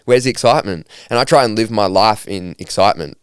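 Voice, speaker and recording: A young Australian man telling stories in a relaxed, upbeat, slangy conversational way as a podcast guest. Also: lowish voice, quick pace, clean tone, no room sound, clean studio sound. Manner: laid-back, upbeat slangy talk with frequent laughs. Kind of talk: casual conversational storytelling.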